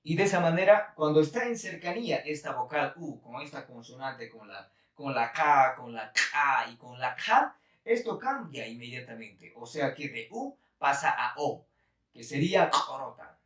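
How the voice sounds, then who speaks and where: A man's voice: mid-range voice, lively intonation, normal speed, a bit bright, reverberant, recorded from a distance. A man teaching a live-stream language lesson in a chatty, laughing way, reading viewer comments aloud. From Bolivia. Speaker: Quechua teacher.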